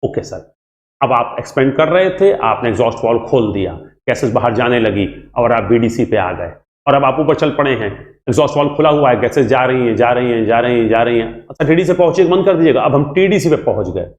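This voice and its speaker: A man teaching an engineering exam class in a lively, repetitive way, acting out student questions and answering them himself. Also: medium pitch, a little fast. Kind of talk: classroom lecture. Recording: echoey room.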